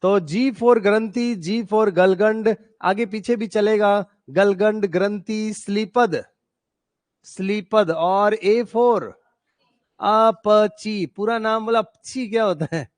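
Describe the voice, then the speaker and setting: A man with a high voice and a slight tinge leads a classroom lesson. He speaks slowly and drags out each term as he builds mnemonics. The sound is dry and close. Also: no room sound. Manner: repeats terms slowly, spells out mnemonics; chatty, asks students questions. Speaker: Ayurveda coaching teacher. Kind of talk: classroom lecture with memory tricks. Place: coaching classroom.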